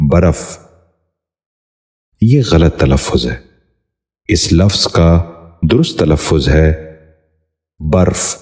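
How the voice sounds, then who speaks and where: Male voice, very low, formal scripted lesson host, careful and polite. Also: a little mellow. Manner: formal, courteous, slow repetition of each word. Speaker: Urdu pronunciation teacher.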